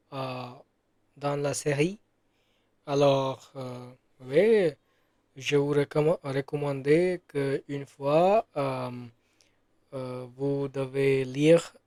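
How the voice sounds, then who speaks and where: Slow, hesitant man, dry close sound. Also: a little high, warm tone, no echo. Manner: hesitant, many fillers and self-corrections. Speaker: French learner. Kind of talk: casual spoken practice monologue.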